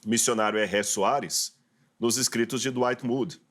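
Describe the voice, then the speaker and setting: A man's voice: medium pitch, fairly even intonation, measured pace, fairly bright tone. Man, guest professor, lecturing tone, step-by-step explanations, studio interview.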